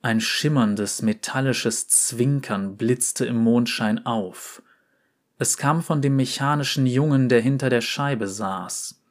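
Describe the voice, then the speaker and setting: A man calmly narrating a storybook. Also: mid-range voice, slow pace. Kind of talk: storybook reading.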